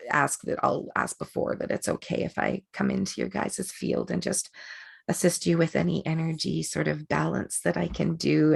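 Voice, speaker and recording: A woman with a gravelly, creaky edge to her voice leads an energy work class over a video call. She talks in a chatty, rambling way, full of fillers and little laughs. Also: lowish voice. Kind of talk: casual online class talk.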